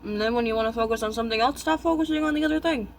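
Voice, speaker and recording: High-pitched young man talking with mouth full. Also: creaky, a little hiss or hum. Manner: musing, halting, drifting between short thoughts. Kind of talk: casual chat while eating, mukbang.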